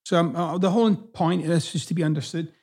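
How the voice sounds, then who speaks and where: A fast talker with a slightly high, a little mellow, slightly rough voice and a steady tone, this middle-aged Scottish man hosts a podcast. His accent is partly Americanized, and he swears plenty in a blunt, emphatic, casual monologue.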